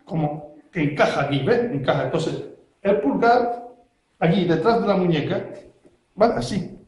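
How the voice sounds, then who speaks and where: High-voiced man teaching self-defense. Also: animated, normal speed, a little mellow. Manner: explains step by step, checks in constantly with the learner. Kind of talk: hands-on technique demonstration. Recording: very echoey room.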